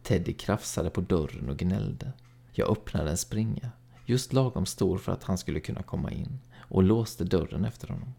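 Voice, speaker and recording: A man narrating a first-person story in a calm, even storytelling read. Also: low-pitched, gravelly, breathy edge. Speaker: audiobook narrator.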